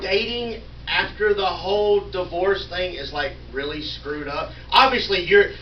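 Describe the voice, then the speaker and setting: A man's voice: high voice, measured pace, a little hiss or hum. A man, doing a live stand-up set, mocking himself and bantering with the audience in a small room. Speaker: stand-up comedian. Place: small indoor venue in a wine store. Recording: roomy, distant, dull live recording with crowd ambience.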